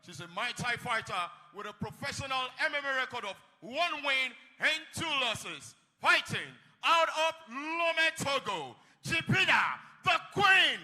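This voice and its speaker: A man working as a ring announcer, delivering booming, theatrical fight introductions with drawn-out names, over an echoing arena sound system. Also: animated, bright, forceful tone. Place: large fight venue. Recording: echoing arena public address.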